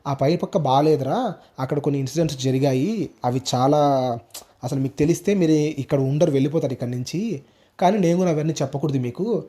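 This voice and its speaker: A man's voice: fairly high pitch, mellow, lightly acted. A man voicing a stern male hostel warden who scolds students with a concerned warning.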